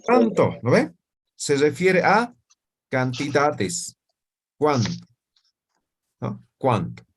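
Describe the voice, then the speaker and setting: Teacher, fond of "¿no ve?". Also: male voice, on the high side, huge pitch swings, drawn-out words, noisy background. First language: Aymara. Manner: explains with constant "¿no ve?" tag questions. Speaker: Aymara language teacher. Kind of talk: classroom lesson.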